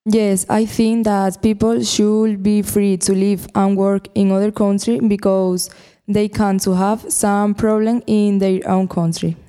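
A woman's voice: mid-range voice, level tone, unhurried, mellow, clean tone. Teen girl, careful answers. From Spain. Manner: careful, prepared short answers. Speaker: student guest.

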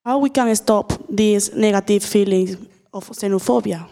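A woman hosts, putting short, direct questions to her guests in a mid-pitched voice. The recording has a long reverberant ring. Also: moderate pace, dark tone. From Spain. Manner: brief, question-led. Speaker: podcast host, interviewer. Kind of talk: reading interview questions. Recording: reverberant room.

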